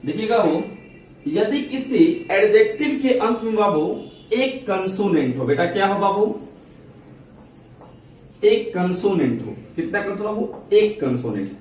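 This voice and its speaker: Hindi-accented male grammar teacher, high voice, quizzes himself aloud, recorded far off in a very echoey room. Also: animated, a little slow, long pauses, darkish tone, a little hiss or hum. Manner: keeps asking questions and answering them himself; calls listeners babu and chhotu affectionately. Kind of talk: classroom-style grammar lesson. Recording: very echoey room, mic at a distance.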